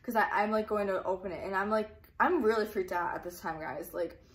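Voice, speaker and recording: A woman's voice: medium pitch, fairly quick. Chatty young woman telling a story. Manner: chatty, many fillers. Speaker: YouTuber. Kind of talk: casual storytime.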